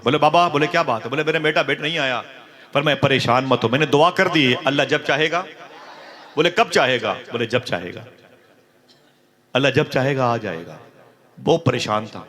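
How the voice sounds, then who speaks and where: A man giving a religious sermon, telling a story with acted-out dialogue and sudden loud, emotional outbursts. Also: mid-range voice. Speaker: preacher.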